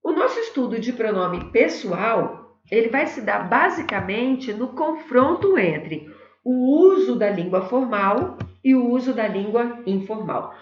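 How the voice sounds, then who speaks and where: A middle-aged Brazilian woman teaching a grammar lesson, explaining step by step and speaking straight to her students. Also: a little high. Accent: Brazilian Portuguese. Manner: explanatory, addresses students directly. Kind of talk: recorded classroom lesson. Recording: echoey, dull lo-fi room recording.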